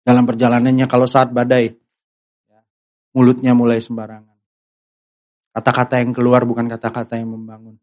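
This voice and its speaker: A man's voice: mid-range voice, completely flat delivery, brisk, long pauses, darkish tone, muffled recording. A man preaching a casual, conversational sermon, asking his listeners questions and acting out the voices of worried believers. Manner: asks the audience questions directly.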